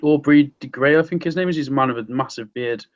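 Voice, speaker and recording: A man co-hosts a relaxed podcast and works through ideas slowly, hedging and restarting. His voice sits in the middle range. The audio is muffled and lo-fi. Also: mid-range voice. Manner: hesitant, many ums and restarts. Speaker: podcast co-host. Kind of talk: casual chat.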